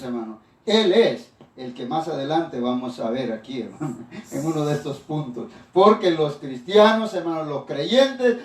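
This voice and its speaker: Male pastor, sermon delivery, higher-pitched voice, echoey room, mic at a distance. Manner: preaching with repeated "hermanos", frequent restarts.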